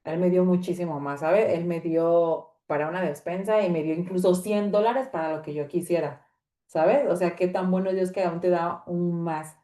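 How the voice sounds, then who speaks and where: A woman's voice: on the low side, normal speed, recorded from a distance. Woman telling a roomy testimony. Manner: animated storytelling, acting out dialogue, frequent fillers. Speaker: women's ministry speaker. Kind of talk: personal faith testimony. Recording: roomy echo.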